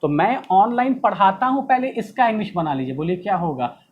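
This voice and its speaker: A man's voice: high-pitched, sing-song, brisk, phone-quality sound, slight background noise. A man teaching a grammar lesson in a patient, repetitive way, asking questions and then answering them himself. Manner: patient, repetitive drilling of rules and examples. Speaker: English tutor. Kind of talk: classroom-style video lesson.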